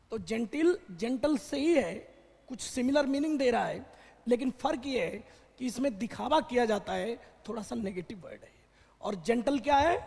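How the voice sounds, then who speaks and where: Guy teaching a class, high husky gravelly voice, slow, lots of echo. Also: darkish tone. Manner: explains slowly, asks and answers his own questions. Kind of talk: classroom vocabulary lesson.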